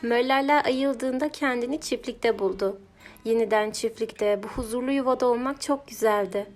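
A woman reading a children's story aloud in a gentle, expressive storybook narration. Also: a little high, moderate pace, soft background music.

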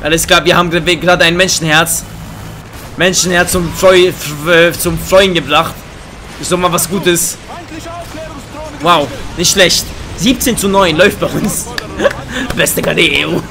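A young man doing excitable, joking let's play commentary on a headset mic, with bursts of high laughter. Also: unhurried. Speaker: gaming YouTuber. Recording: faint game gunfire behind.

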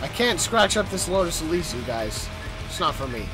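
Excitable streamer man, high lively voice. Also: normal speed. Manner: excitable, swearing, shouting at the game. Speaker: streamer playing a racing game. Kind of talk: casual gameplay commentary. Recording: game music over the voice. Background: game music.

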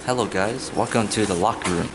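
A man's voice: lowish voice, fairly quick, heavy background noise. A teenage boy playfully narrating a walking vlog outdoors, like a tour guide, picked up on a handheld camera. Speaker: vlogger. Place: outdoors at a school and park.

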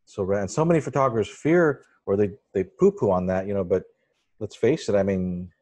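A man's voice: lowish voice, a little fast, darkish tone. A man hosting a casual video call chat, effusive and enthusiastic, often searching for words. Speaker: host interviewing a photographer.

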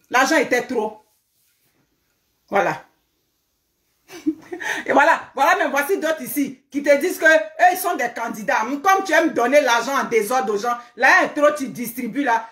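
A woman's voice: sits high, a bit bright, roomy sound. A woman giving live social media commentary, scolding emphatically, repeating words and firing off rhetorical questions. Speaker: online commentator.

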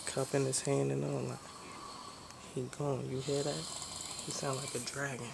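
Man, hushed amused slangy commentary for a home prank video, mid-range voice, loud noise behind. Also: mid-range voice, flat delivery, normal speed, creaky. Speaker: prankster filming a sleeping friend. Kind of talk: hushed casual commentary to camera.

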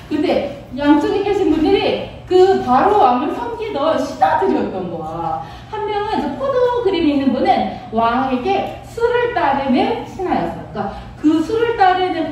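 A woman teaching kindergarten Sunday school, telling a Bible story in an animated, playful way and asking the children questions. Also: sits high, slight background noise. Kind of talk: storytelling sermon for young children. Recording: echoey room, voice from far off.

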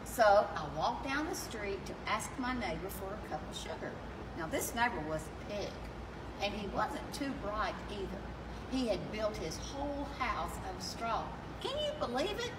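A chatty storybook wolf played by a woman reading aloud pleads his case with mock innocence. The delivery swings in pitch, conversational and animated. It is heard from some distance outdoors, with echo and clear background noise. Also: normal speed, lightly acted. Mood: storytelling. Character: chatty, self-justifying wolf telling his side. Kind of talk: children's picture-book read-aloud. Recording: distant mic outdoors, noisy, echoey ambience.

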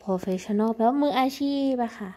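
Soft-spoken woman cooing to her cat. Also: a little high, unhurried. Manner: quiet, gentle, murmuring. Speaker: cat owner vlogger. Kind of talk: soft baby talk to a pet.

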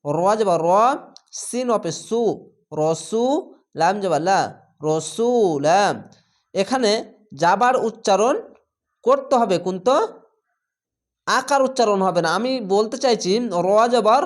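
A man teaching Quran reading step by step. He spells out each letter and vowel slowly, then blends them into the word. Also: high-pitched. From Bangladesh. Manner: drawn-out chanting on Arabic words.

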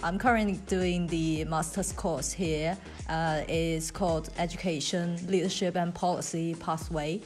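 A young woman from China answering interview questions hesitantly, with many pauses and fillers. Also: fairly low pitch, fairly even intonation, faint music behind. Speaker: interviewed student.

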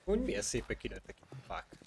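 Gravelly man chatting during a game. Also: fairly low pitch, very animated, darkish tone, slight background noise. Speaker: fellow player. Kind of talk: casual gaming chat.

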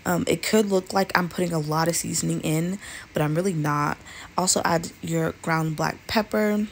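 A woman talks through her cooking in a relaxed, chatty way, full of "um"s. Her voice sits a little low. It is recorded on a phone over the stove, with a faint kitchen hum behind. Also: moderate pace. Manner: relaxed, chatty, lots of fillers. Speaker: cooking vlogger. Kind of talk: casual cooking narration. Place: home kitchen.

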